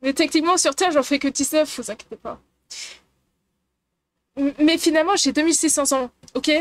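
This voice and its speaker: A woman's voice: sits high, fairly even intonation, fairly quick. A woman streamer chatting casually and playfully with her viewers, giggling and teasing the chat.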